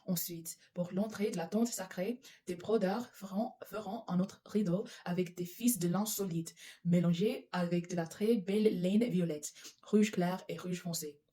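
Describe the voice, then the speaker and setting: Slow, mellow woman reading scripture. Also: fairly low pitch. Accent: English-speaking accent in French. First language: English. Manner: stumbles and self-corrects while reading. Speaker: Bible reader.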